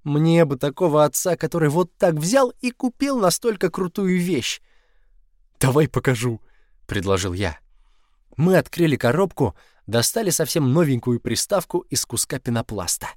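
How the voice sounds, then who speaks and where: A man narrating a first-person story in an expressive, scripted reading, slowing down to linger on key words. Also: a little high, dry recording, studio quality. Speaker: audiobook narrator.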